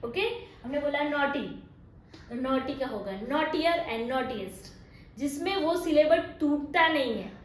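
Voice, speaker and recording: In an echoey room with faint noise, a Gujarati-accented woman teaches English grammar in a classroom style, blending Hindi with English. She speaks slowly in a high, animated voice, stretches out her example sentences, and frequently checks "okay?"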